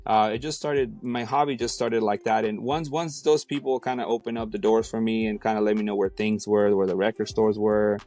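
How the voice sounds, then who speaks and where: A man's voice: lowish voice, brisk, few pauses. Laid-back man from Mexico City. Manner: relaxed, many fillers and restarts. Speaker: guest, DJ and rapper. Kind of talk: casual interview.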